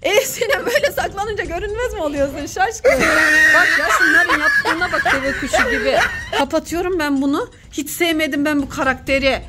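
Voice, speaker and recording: A woman in her thirties, a mother hosting a playful family vlog, talking in an excitable, mock-frightened, teasing way. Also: very high-pitched, brisk, raised voice, noisy background.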